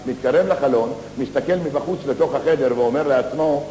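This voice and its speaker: A man telling comic stories on stage, in a lively theatrical monologue full of slangy asides. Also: mid-range voice, a little hiss or hum. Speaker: stage comedian. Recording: echoey live theater hall recording.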